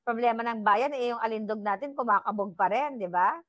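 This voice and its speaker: A middle-aged woman hosts a casual political chat in a chatty, teasing way. Her voice sits a little high and sounds close and dry, with almost no room around it. She speaks bluntly and jokes with her guest. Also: a little fast, no room sound. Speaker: political vlogger.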